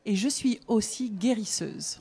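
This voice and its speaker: A woman's voice: medium pitch, lively intonation, a little slow, gravelly, warm tone, husky, a faint crowd. A woman on a talk show as a guest, speaking lightly and laughing easily.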